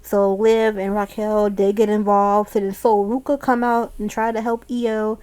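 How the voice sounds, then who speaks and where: A woman's voice: medium pitch, flat delivery, unhurried, darkish tone. A woman casually recapping a wrestling show, chatty and often laughing as she retells it.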